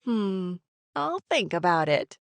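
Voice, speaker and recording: A woman's voice: mid-range voice, very animated, slow pace, creaky, no echo, exaggerated voice. A woman playing a wry, affectionate novelist heroine in a story game, with a playful conversational manner. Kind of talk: scripted game story dialogue.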